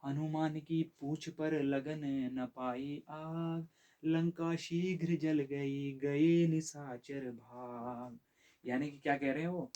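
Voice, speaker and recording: A man teaching a literature lesson in a mellow, relaxed voice at an ordinary pitch. He draws out recited verses slowly, then explains them in a loose, talky way, posing questions and answering them himself. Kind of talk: exam-prep lesson explaining poetry.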